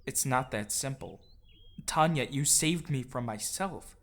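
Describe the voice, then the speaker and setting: Over background music, a man with a mid-range, a bit bright voice narrates his own life story as a scripted audio drama, acting out dialogue. He sounds animated yet unhurried, earnest, and sincere.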